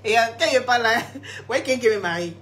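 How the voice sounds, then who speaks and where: A woman's voice: fairly high pitch, fast talker, a bit bright. A woman hosting a casual live stream, answering viewer comments in a chatty, teasing way and laughing often, recorded on a phone. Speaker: live-stream host selling skin products.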